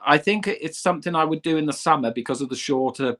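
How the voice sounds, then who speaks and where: A man's voice: a little high, quick pace, a bit bright. A man as a guest on a casual podcast interview, easygoing and self-deprecating, laughing often. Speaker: guest, van camping vlogger.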